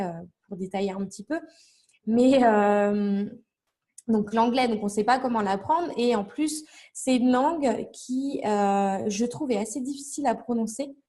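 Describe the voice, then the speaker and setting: Mellow-voiced woman chatting in an interview. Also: a little high. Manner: chatty, many fillers and restarts, explains with examples. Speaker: interview guest, language learning blogger. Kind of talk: casual interview chat.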